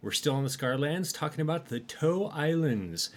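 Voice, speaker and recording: A man's voice: a little high, lively intonation, moderate pace. A man opening a podcast as its host, easygoing and making puns in casual chat.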